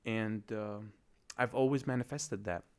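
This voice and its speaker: A man's voice: fairly low pitch, unhurried, darkish tone, clear, resonant tone. A young man from Lebanon hosting a solo podcast, talking in a reflective, hesitant way with many fillers. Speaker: podcast host.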